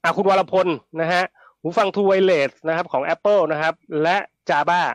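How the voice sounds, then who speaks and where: A man's voice: sits high, a little slow, dry recording. A man hosting a casual tech show, reading viewer questions in a chatty, polite manner.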